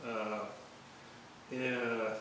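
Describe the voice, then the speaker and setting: An electronics restorer narrates a repair video at an indoor workbench, speaking slowly and haltingly at medium pitch as he works. His hesitant commentary is casual, like he's thinking aloud. The mic sits far away in a very echoey room, with a clear, steady hiss beneath him.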